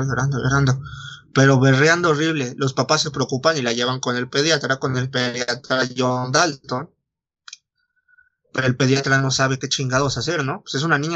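A man's voice: mid-range voice, bright, forceful tone, dull audio. A young man with a Mexican Spanish accent retelling a novel in casual chat, full of slang and swearing, saying "güey" at every turn. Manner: slangy, swears often, says "güey" constantly, restarts lines.

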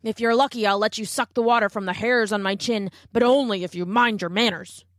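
A woman voicing a gruff, blustering wildebeest in a storybook. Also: mid-range voice, fairly even intonation, brisk, a bit bright, no room sound, studio quality, lightly acted. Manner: grunting, blustering.

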